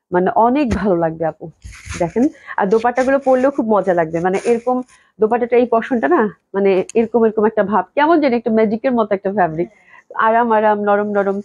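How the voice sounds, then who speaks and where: A young woman, hoarse from a cold, gushing with repeated praise as she sells clothes on a live stream. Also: medium pitch, darkish tone, no echo. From Bangladesh. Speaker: online clothing seller.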